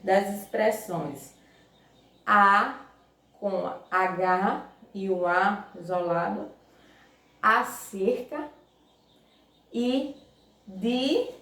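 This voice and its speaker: A woman teaching a grammar lesson to her class, speaking slowly, stressing syllables and asking questions of the students. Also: medium pitch, fairly bright tone. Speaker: Portuguese teacher. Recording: echoey room, distant from mic.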